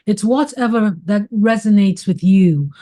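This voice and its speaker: A woman's voice: medium pitch, measured pace, dark tone. A woman from Saint Kitts hosts a reflective interview, speaking in an effusive, affirming way and repeating phrases for emphasis. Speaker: podcast host.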